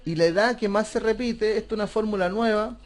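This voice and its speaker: A computer class teacher with a slightly high voice moves fairly quickly through a spreadsheet lesson, patiently explaining each step and checking in with rhetorical questions. The screen-recorded software tutorial sounds like it was captured on a close desk or headset mic.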